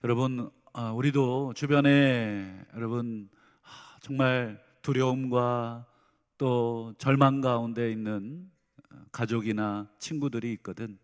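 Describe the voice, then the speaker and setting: A man's voice: mid-range voice, fairly even intonation, takes it slowly, clean tone. Earnest middle-aged male pastor preaching. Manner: earnest, swings between soft pleading and loud emphatic bursts. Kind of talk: sermon. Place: church sanctuary. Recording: reverberant church hall.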